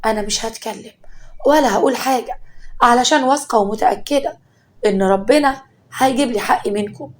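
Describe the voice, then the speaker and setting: A woman with an Egyptian accent voicing a wronged young wife, quick and tearful. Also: sits high, a little mellow, close to an everyday voice. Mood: sorrowful.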